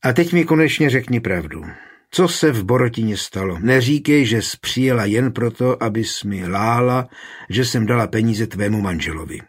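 A man with a husky voice reading an audiobook, giving a stern yet caring grandmother a firm, serious delivery. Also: mid-range voice, animated.

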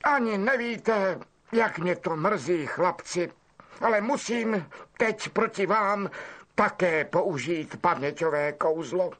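A man voicing a vain, evasive middle-aged male wizard professor in an affected, drawn-out, self-pleased way. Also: high-pitched, a bit bright, voice pushed up. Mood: smug.

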